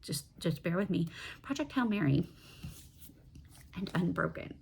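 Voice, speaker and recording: Talking off the cuff in a casual book-review vlog, a woman rambles a bit, cuts into her own sentences and puts questions to herself in unscripted chat. Her fairly low voice is animated yet unhurried, gravelly, husky and a little mellow.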